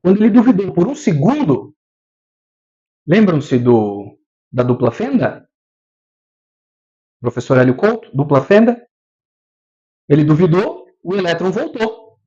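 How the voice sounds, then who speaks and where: Brazilian man, spiritual lecture, animated, fairly high voice, dull lo-fi recording. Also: a little slow, long pauses. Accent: Brazilian Portuguese. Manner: animated, acts out scenes with sound effects.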